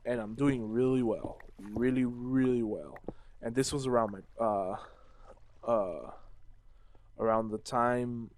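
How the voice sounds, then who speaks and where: A man's voice: medium pitch, no room sound. Young man rambling over gameplay. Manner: rambling, restarts sentences, animated storytelling. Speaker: gaming vlogger. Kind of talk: casual commentary while playing a game.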